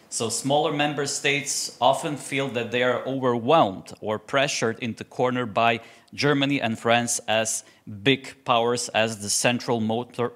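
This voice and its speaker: A man's voice: mid-range voice, a bit bright. Male panelist from Croatia, earnest policy talk with frequent self-corrections. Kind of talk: panel discussion.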